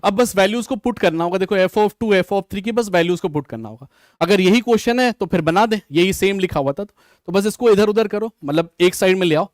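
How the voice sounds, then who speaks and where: A man's voice: high voice, a little fast, no room sound, clean studio sound. A man teaching maths in Hindi with English terms, solving an exam question live and talking straight to his students. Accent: Hindi mixed with English maths terms. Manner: addresses students directly, reads comments, thinks aloud. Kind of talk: live online exam solution class.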